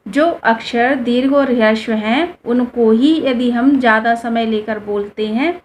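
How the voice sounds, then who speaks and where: High-voiced woman teaching a lesson. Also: measured pace, a little hiss or hum. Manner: patient, asks questions and answers them herself; draws out vowels to demonstrate them. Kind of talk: explaining a lesson to students.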